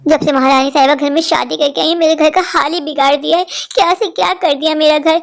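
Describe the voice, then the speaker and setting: A fussy cartoon mother-in-law who nags and grumbles in a high voice, as a woman voices her. She talks quickly. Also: fairly even intonation, creaky. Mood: nagging. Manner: nagging, grumbling. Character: fussy, nagging middle-aged mother-in-law. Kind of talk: Hindi cartoon voice acting.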